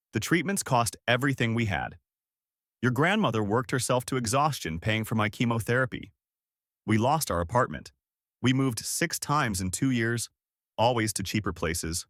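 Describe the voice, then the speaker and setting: A man's voice: medium pitch, big pitch swings, moderate pace, fairly bright tone, no room sound, clean studio sound. A man voicing a frail dying mother who pleads through tears, in a storybook reading. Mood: desperate. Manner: pleading, breaking with emotion. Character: dying young mother, weak and tearful.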